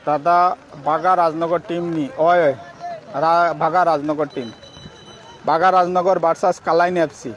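A man with a Sylheti accent commentating live on a football match from an outdoor ground, chatting with viewers and calling shots excitedly with drawn-out exclamations. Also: on the high side.

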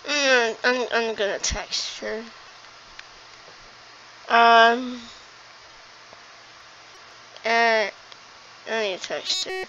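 A woman's voice: fairly high pitch, sing-song, takes it slowly, pushed and bright, muffled recording. A woman creator acting out a comedic skit with exasperated, dramatic complaining. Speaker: video creator. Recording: faint background noise.

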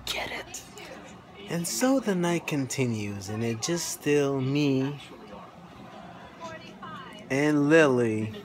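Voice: medium pitch, lively intonation, takes it slowly, pauses often, background noise. A parent vlogging at home while minding their baby, using playful sing-song baby talk and whispered asides. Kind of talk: casual home vlog. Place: home living room.

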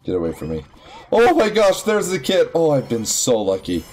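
Excitable young man narrating gameplay. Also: mid-range voice, moderate pace. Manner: excitable, yelps and squeals at wins. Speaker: gaming YouTuber. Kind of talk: casual gameplay commentary. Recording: faint music behind.

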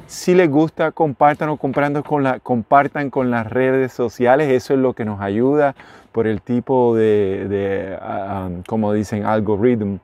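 Holding his phone at arm's length, a middle-aged man from Puerto Rico vlogs casually from inside a small motorhome room, with a Puerto Rican accent. His mid-range voice is a little mellow and carries no echo. He rambles, pausing to correct himself as he goes.

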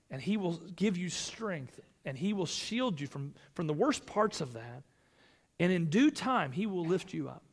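Earnest pastor guy preaching in church, kinda high voice, stops and restarts here and there. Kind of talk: sermon.

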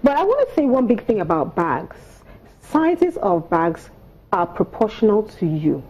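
A woman's voice: medium pitch, very animated, unhurried, husky, muffled recording. A Nigerian-accented woman in her thirties explaining things as an etiquette coach on TV, with prim, precise, instructive enunciation. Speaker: etiquette coach, studio guest. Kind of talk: explanatory talk on a TV morning show. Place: TV studio on a sofa set.

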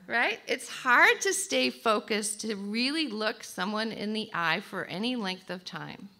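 A woman delivering a sermon at a slow, unhurried pace. Her voice is bright and forceful, and she keeps checking in with the room as she teaches. She reads passages softly when she quotes. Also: medium pitch, lively intonation. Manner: slow, warm teaching with audience prompts; reads song lyrics softly. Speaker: speaker at a women's conference.

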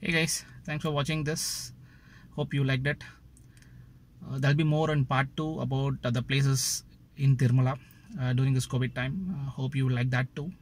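A man's voice: mid-range voice, little pitch movement, normal speed, slight background noise. Chatty young Indian man vlogging from his car. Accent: Indian English. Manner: friendly, chatty, with frequent "uh" fillers. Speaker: travel vlogger. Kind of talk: casual travel vlog. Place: inside a parked car. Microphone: phone camera at arm's length.

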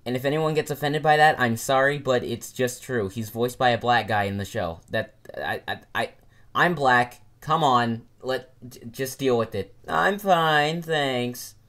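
A woman's voice: very deep voice, moderate pace, fairly bright tone. A young woman chatting casually between impressions, with stumbling asides. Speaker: streamer doing impressions. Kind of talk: casual chat.

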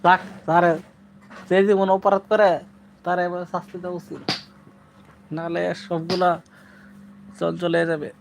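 Streamer type: high-pitched man, chatty, fields viewer comments live, faint hum behind. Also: level tone, measured pace, creaky, pauses often. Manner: playfully slips into dialect phrases. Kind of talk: casual live-stream chat.

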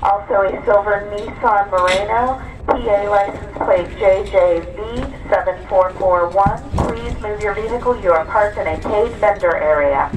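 A woman's voice: mid-range voice, measured pace. A woman announcer reading formal public address instructions, repeating them plainly. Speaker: market announcer. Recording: distant loudspeaker in noisy outdoor air.

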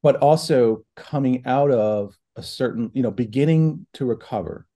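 A man's voice: medium pitch, moderate pace, mellow. A middle-aged man talking casually from a home office over a video call, thoughtful, with many fillers and restarts. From New Hampshire and Ohio, United States. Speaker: guest, foundation president. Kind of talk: casual online interview. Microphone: video call from laptop.

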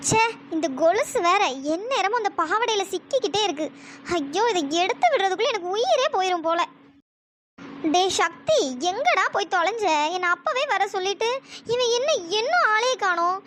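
A woman's voice: extremely high pitch, expressive, normal speed, a bit bright, slight background noise. A woman voicing an impatient young girl in a cartoon, complaining while she waits. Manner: fussy, complaining. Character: impatient village girl awaiting her sweetheart.

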